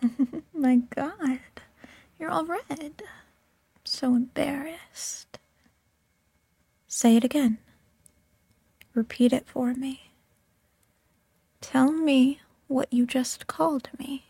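A woman's voice: high voice, very slow, vocal fry, pauses often, warm tone, dry recording. A woman performing a whispered audio roleplay close to the microphone, teasing and coaxing in a mostly whispered voice.

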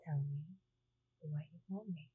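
A woman performing an intimate ASMR roleplay close to the mic, breathy and teasing, slipping between soft talk and whispers. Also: low voice, normal speed, slight background noise, low-quality recording.

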